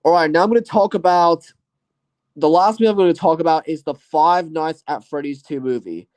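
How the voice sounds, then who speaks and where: A man with a fairly high, mellow voice talks casually into the mic on his own. His talk wanders and hedges, with "you know" and "I guess" scattered through it and thoughts that trail off before he picks them back up. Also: brisk. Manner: rambling and hesitant, full of "you know" and "I guess". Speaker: channel host. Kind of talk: casual solo year-in-review talk.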